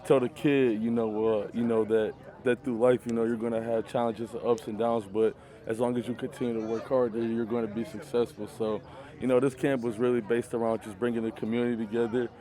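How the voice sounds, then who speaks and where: A man's voice: mid-range voice, flat delivery, a little fast, warm tone. A young man from Michigan, a college football player, talking earnestly and loosely with many fillers in an outdoor interview. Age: young adult. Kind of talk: casual interview talk. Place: outdoors at a youth football camp. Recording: crowd noise outdoors.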